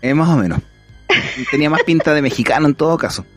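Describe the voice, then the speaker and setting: A man's voice: fairly high pitch, lively intonation, fast talker, faint music behind. Chatty Chilean man podcasting. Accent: Chilean Spanish. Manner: enthusiastic, rambling storyteller. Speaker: podcast host. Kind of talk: casual podcast chat.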